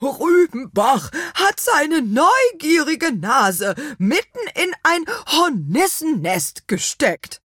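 A woman voicing a cheeky little male apple-man from a storybook, high and teasing. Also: big pitch swings, takes it slowly, hardly any pauses, a bit bright, dry recording, clean studio sound, full character voice.

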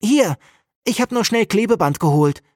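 A woman's voice: mid-range voice, animated, normal speed, a little mellow, dry recording, studio quality, pitched above the performer's own voice, lightly acted. A woman voicing a sensible, bossy little girl in a storybook reading. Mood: firm.

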